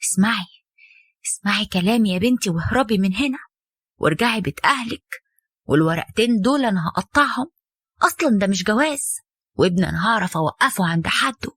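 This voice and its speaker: A woman's voice: medium pitch, expressive, quick pace, fairly bright tone, breathy edge, no room sound, clean studio sound, voice pushed down. A woman voicing a stern, weary mother-in-law who lectures her son's young wife, in Egyptian Arabic. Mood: lecturing. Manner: firm, lecturing, bitter.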